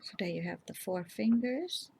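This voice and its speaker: A woman hosting a nail art tutorial, explaining each step in a calm, instructive way and speaking to viewers directly. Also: medium pitch, normal speed, creaky, a little hiss or hum. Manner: calm, instructive, addresses viewers as "you guys". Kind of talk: casual step-by-step tutorial narration.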